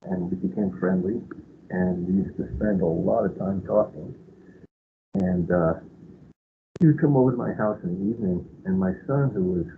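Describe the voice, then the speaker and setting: A man's voice: low-pitched, moderate pace. An older man speaking through a face mask, giving an informal talk about his own life as a guest speaker. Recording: muffled phone-like band, faint background noise.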